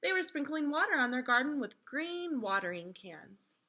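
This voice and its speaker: Woman, read-aloud teacher, bright forward voice, slightly high, expressive storybook narration, instructive. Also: normal speed, a little hiss or hum. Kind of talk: children's storybook read-aloud with questions to listeners.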